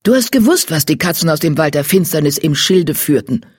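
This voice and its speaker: A reader voicing an accusing tortoiseshell she-cat, pitched high and pressing. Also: animated, moderate pace, a little mellow, no room sound, clean studio sound, close to an everyday voice.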